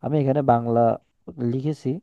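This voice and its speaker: A man's voice: medium pitch, steady tone, moderate pace, mellow, no echo, highs cut off. A man with a Chittagong Bengali accent teaching Quran letters one on one, explaining patiently with repetition and examples.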